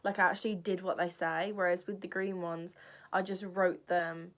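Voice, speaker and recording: Young woman, raspy voice, rambling, filler-heavy, casual vlog. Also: on the low side, little pitch movement, normal speed, a bit bright. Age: young adult. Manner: rambling, many fillers like "like" and "basically". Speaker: student vlogger. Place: cold room at home, at a desk.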